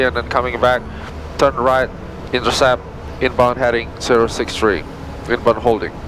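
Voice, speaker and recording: A man from Indonesia, an airline pilot, narrating and briefing from the cockpit in informal, halting non-native English. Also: mid-range voice, noisy background. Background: music.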